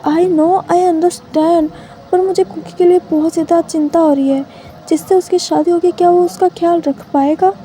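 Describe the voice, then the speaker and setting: A woman's voice: very high-pitched, fairly even intonation, normal speed, dark tone, a little hiss or hum, pitched above the performer's own voice. A woman voicing a caring, anxious mother in a storybook read-aloud, talking with fond fretfulness. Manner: fretful, affectionate.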